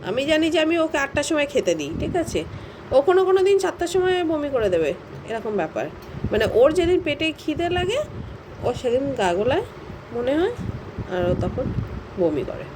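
A woman's voice: high-pitched, very animated, a little fast, pauses often. A woman filming a casual home vlog, coaxing her pet dog in affectionate baby talk. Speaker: dog owner. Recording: traffic noise behind.

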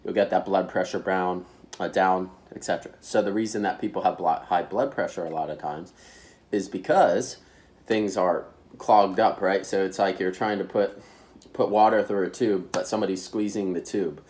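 A man in his thirties talks into a webcam in a small home office. His voice sits low, and he speaks in a loose, chatty way, full of fillers and quick asides. He gestures a lot as he explains. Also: darkish tone. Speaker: health vlogger. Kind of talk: casual explainer vlog.

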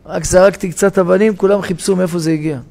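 High-voiced rabbi preaching. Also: male voice, fairly even intonation, gravelly. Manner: dramatic storytelling, shouting the parable's cries for help. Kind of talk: sermon. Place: synagogue.

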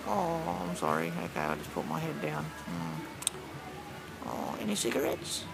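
A man voicing a meek, hard-up Australian bloke in a silly comic redub, halting, mumbling and apologetic. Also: sits high, creaky, loud music behind the voice, heavily acted. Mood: glum, halting. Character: whiny, meek, hard-up bloke pleading on the street. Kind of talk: silly mismatched comic redub of distant people.

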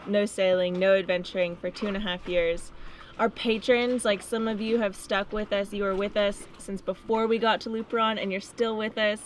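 A young woman talking casually to the camera from a sailboat, grateful and soft-spoken. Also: mid-range voice, level tone, moderate pace, low-quality recording. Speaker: sailing vlogger. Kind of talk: casual vlog talk to camera. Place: sailboat cockpit outdoors. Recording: clear wind and water noise.

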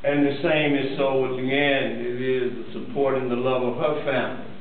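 A man leading a wedding ceremony as officiant, solemn and halting, pausing between short phrases. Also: mid-range voice, steady tone, phone-quality sound. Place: small church hall, indoors. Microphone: distant handheld camera microphone. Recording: echoey room, distant thin camera audio, faint noise.

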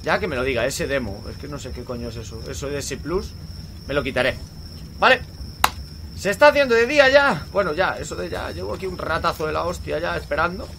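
A young man with a Spanish accent from Spain, hosting casual gameplay commentary, swearing often, grumbling at the game and breaking into loud panicked shouts. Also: a little high, quick pace, creaky, slight background noise. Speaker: gaming channel host.

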